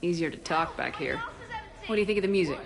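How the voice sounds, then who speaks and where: A woman's voice: fairly low pitch, lively intonation, fast, gravelly, crowd noise. A woman playing a confident military commander in a video game, bantering in a friendly, casual, teasing way.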